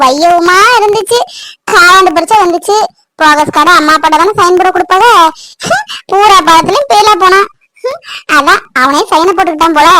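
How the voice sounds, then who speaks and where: A woman voicing a young college-going daughter in an animated family drama, chatty and teasing. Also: very high voice, no echo. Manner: lively storytelling, teasing.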